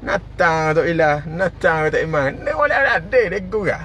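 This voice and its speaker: A man with a raised, high voice hosts a relaxed live stream. He reads out viewer comments, greets people by name and laughs easily between remarks. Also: moderate pace, a little hiss or hum.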